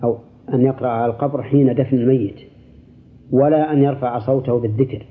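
Older man giving measured radio fatwas. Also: mid-range voice, fairly even intonation. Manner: measured, deliberate, with restarts. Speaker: Islamic scholar answering listener questions. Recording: tinny, lo-fi radio broadcast.

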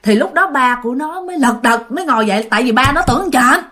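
A woman's voice: high voice, animated, fast, pushed and bright. A woman telling a ghost story, chatting directly to her listeners.

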